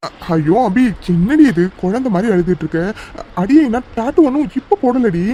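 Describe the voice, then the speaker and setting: A woman's voice: medium pitch, very animated, fairly quick, mellow, a little hiss or hum, natural voice. A woman voicing a young husband in a cartoon romance, teasing and coaxing his wife tenderly.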